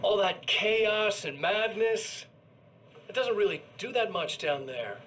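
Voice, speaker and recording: In a video game cutscene, an actor plays a gleeful, menacing evil doppelganger, using a full character voice that is high-pitched, expressive and fairly bright. Gloating, he taunts and mocks, drawing out his words. Slight background noise is audible.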